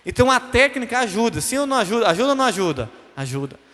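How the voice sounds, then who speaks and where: A man teaching preachers in a high, ringing voice. He leans on each point and keeps turning it back to the class as a question. His voice trails off into a long reverb, as if he is in a large hall. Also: big pitch swings, very fast, a bit bright. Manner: emphatic, fires rhetorical questions at the class. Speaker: bishop teaching a preaching course. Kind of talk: church classroom lecture.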